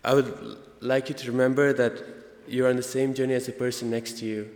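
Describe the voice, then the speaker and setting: Speaking earnestly from a prepared text, a young man with an Indian accent addresses a convocation in a large hall full of long reverb. His mid-range voice is darkish and fairly flat in pitch, and he pauses at times to correct himself.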